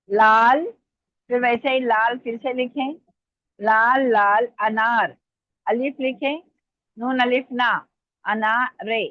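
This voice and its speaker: A woman teaching an online Urdu class, dictating words slowly and spelling out each letter for her students to write. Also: medium pitch, no echo. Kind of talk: online language lesson dictation. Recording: tinny phone-like line, dry.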